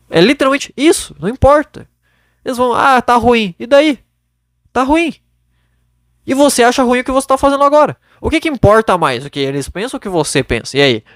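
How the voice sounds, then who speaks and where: Animated, blunt young man giving advice. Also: high-pitched, no echo, clean studio sound. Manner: blunt, animated, swears casually. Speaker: podcast host. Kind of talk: casual advice monologue. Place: his bedroom. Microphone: podcast microphone.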